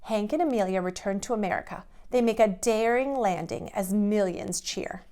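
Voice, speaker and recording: At a moderate pace and in a mellow, mid-range voice, a female preschool teacher leads little ones with simple guiding phrases. It sounds like an expressive picture-book read-aloud or a children's drawing lesson.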